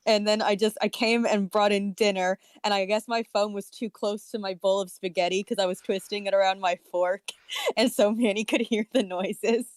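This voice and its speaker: A woman reading a story aloud as narrator on a casual podcast, with steady storybook delivery. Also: mid-range voice, normal speed, smooth, no room sound, studio quality.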